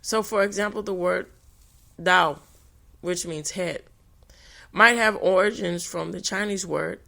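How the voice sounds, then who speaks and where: With a lowish, somewhat bright voice and vocal fry, a woman hosting a podcast reads her notes for a language talk. Hard words trip her up, so she halts, restarts, and briefly apologizes.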